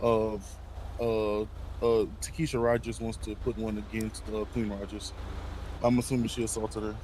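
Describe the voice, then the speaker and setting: A man's voice: fairly low pitch, level tone, normal speed, a little mellow. Young guy doing an in-game deputy, lots of ums, noisy traffic behind. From Baltimore. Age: young adult. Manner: hesitant, full of ums and likes. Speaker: role-play player as a sheriff's deputy. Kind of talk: in-character game role-play.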